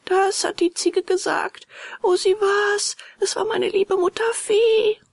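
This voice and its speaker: A woman's voice: extremely high pitch, expressive, normal speed, gravelly, dry recording, clean studio sound, voice pushed up, exaggerated voice. A woman voicing an earnest, remorseful wooden puppet boy in a storybook, talking eagerly and pleading.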